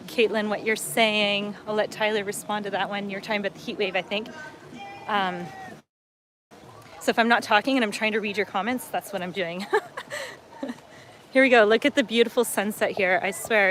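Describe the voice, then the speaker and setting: A middle-aged travel vlogger from upstate New York, USA, hosts a casual livestream while walking along a lakeside waterfront, chatting and reading viewer comments aloud. Her medium-pitched voice is a bit bright, with fairly even intonation and a moderate pace. There's slight background noise.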